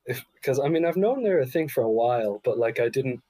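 A young man chatting on a podcast, joking in a deadpan way. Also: medium pitch, a little fast, dry recording. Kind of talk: casual podcast chat.

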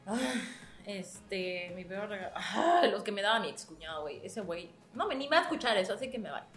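A woman with a Mexican accent co-hosts a casual podcast, speaking at medium pitch and a fairly quick pace. She laughs often, swears freely, and tells stories with lively energy. The room sounds echoey, with faint music in the background.

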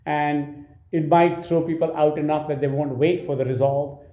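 Indian-accented male director, mellow low tone, restless storyteller, slightly raised pitch. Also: moderate pace. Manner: animated anecdotes with many restarts. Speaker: film director. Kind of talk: interview storytelling. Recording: roomy echoey sound.

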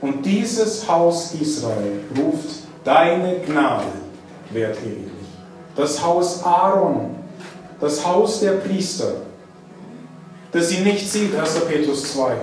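A man preaching a sermon, dwelling on key phrases with drawn-out emphasis. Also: on the high side. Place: church hall. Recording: echoey church hall, mic at a distance.

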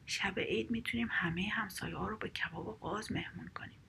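A woman voicing a loving, cheerful old wife in a whispered role-play, warmly delighted. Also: mid-range voice, vocal fry, slight background noise.

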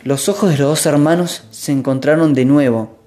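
A narrator reading a story aloud in an expressive, measured way. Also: medium pitch, faint music behind.

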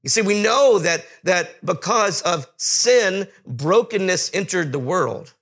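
A man's voice: sits high, lively intonation, slow, gravelly, a bit bright. A man in his thirties preaching a conversational sermon, telling a family story with many fillers and restarts. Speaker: pastor.

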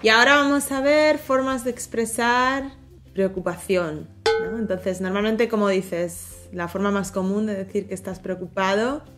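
A woman's voice: medium pitch, fairly even intonation, normal speed, fairly bright tone, soft background music. A woman co-hosting a vocabulary lesson, leading with conversational prompting questions. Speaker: co-host.

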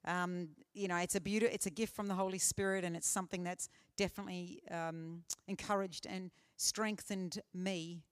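A woman's voice: lowish voice, steady tone, moderate pace, hardly any pauses, clear, resonant tone. A woman speaker answering questions in a live teaching session, earnest and conversational with frequent fillers. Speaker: conference speaker. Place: conference hall.

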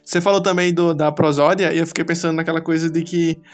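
A man interviewing a guest, relaxed and curious, asking questions casually. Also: fairly high pitch, fast talker, faint music behind. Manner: curious, relaxed, laughs easily.

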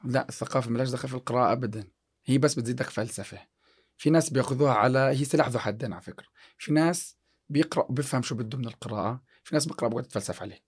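A man speaks at a racing pace in a medium-pitched, slightly rough voice. He's a chemistry teacher chatting as a podcast guest about faith and success, frequently restarting as he quotes scripture in this casual conversation.

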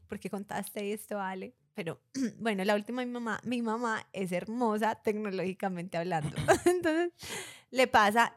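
A woman co-hosting a podcast, talking in a chatty, lively way and telling stories about her mother. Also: medium pitch, dry recording, clean studio sound. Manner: chatty, lively, often laughing along. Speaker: podcast co-host. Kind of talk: casual podcast chat.

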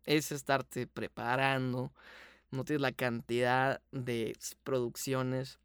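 A man's voice: mid-range voice, little pitch movement, takes it slowly, a bit bright, clear, resonant tone, dry recording, clean studio sound. A man from Sonora with a Sonoran Mexican accent, a voice actor speaking earnestly and at length as an interview guest. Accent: Sonoran Mexican Spanish. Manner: earnest, grateful, explains at length. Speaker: voice actor and production manager, guest. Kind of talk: casual podcast interview.

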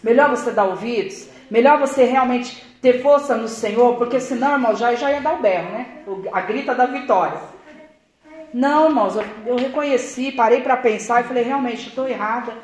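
A woman's voice: on the high side, brisk, a little mellow, roomy sound. An older woman, preaching a testimony-style sermon. She keeps addressing the congregation as brothers and acts out remembered conversations. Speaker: church preacher. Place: church.

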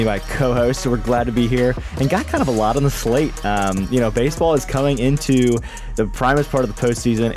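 A man in his twenties from Wisconsin, hosting a sports podcast in a chatty, rambling way and laughing often. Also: medium pitch. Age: 20s. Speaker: podcast host. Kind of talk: casual sports chat.

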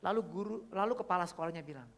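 A man preaching a youth sermon, telling a personal story and swinging between loud, animated passages and hushed ones. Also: high voice, very fast.

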